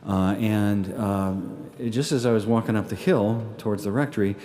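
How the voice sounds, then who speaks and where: A man's voice: fairly low pitch, moderate pace, mellow. A man, the pastor, giving a chatty, folksy homily at Mass, with many fillers and restarts. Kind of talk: casual homily with an appeal. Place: church at Mass.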